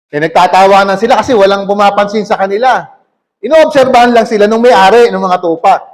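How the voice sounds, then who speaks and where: Male preacher, high voice, reads scripture then explains it plainly, pauses to check in with listeners. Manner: reads verses aloud then explains them, asking "okay?". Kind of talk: sermon reading and explaining scripture.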